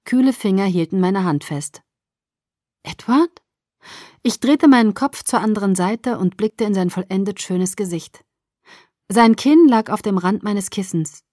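A woman narrating a first-person novel for an audiobook, following the drama and dropping almost to a whisper in quiet passages. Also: mid-range voice, normal speed, no room sound, studio quality.

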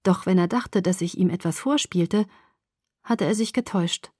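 A woman reading a story in first person with a measured, intimate delivery. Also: fairly low pitch, a little mellow, breathy edge, dry recording, clean studio sound. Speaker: audiobook narrator. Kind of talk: scripted first-person narration.

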